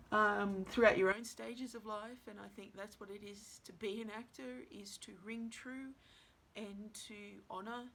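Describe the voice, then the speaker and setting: A woman actress talking to camera at home in a halting, musing way, full of fillers. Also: medium pitch, slight background noise. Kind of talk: reflective casual monologue.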